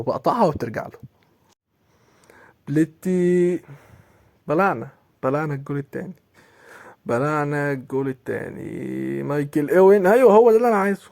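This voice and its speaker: A man's voice: on the high side, a little mellow, no echo. A young man with an Egyptian Arabic accent commenting on his own football game, exasperated and repeating himself as he reacts to each play. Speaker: gaming YouTuber. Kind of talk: live gameplay commentary.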